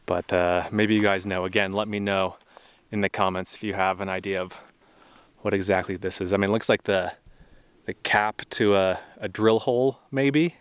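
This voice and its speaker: A young adult man narrates a casual travel vlog outdoors at a remote test site, easygoing and thinking aloud with small laughs. His deep voice is clean, fairly even in intonation, at a moderate pace, with no room sound.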